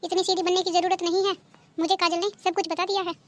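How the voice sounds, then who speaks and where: A stern cartoon mother-in-law who scolds her daughters-in-law, voiced by a woman. Her voice sits very high and thin, with a faint hiss under it. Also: little pitch movement, fast. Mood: scolding. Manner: scolding, sharp-tongued. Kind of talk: cartoon dubbing.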